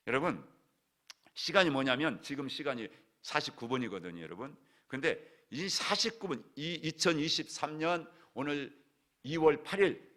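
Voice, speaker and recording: A male pastor preaching a weekday morning sermon, swinging from loud exclamations down to hushed asides. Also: deep voice. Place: church sanctuary.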